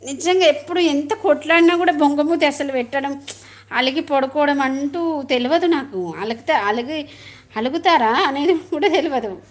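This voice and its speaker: Chatty high-voiced woman. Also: moderate pace. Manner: chatty, laughs often, greets viewers. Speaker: live streamer. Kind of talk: casual chat on a live stream.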